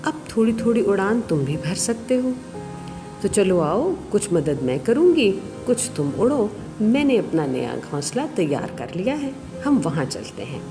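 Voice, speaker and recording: A woman voicing a calm, affectionate mother bird who speaks soothingly to her chicks. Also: mid-range voice, over music. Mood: calm loving. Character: calm, loving mother bird, unhurried and wise. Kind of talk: storybook character voice.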